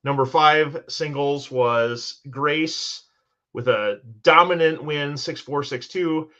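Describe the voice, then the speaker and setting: A man with a somewhat higher voice hosts a sports podcast, recapping results with eager, rambling enthusiasm. The recording sounds a little dull and lo-fi. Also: slow, pushed and bright. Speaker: host.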